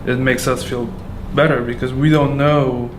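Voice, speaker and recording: Flat-voiced man in an echoey room. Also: medium pitch. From Afghanistan. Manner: halting, with many fillers and restarts. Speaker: patient. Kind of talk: candid personal testimony. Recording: echoey room with background noise.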